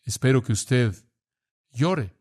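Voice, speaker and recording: A man's voice: mid-range voice, lively intonation, takes it slowly, heavy background noise. Earnest man preaching a sermon. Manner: earnest, questioning the listener directly.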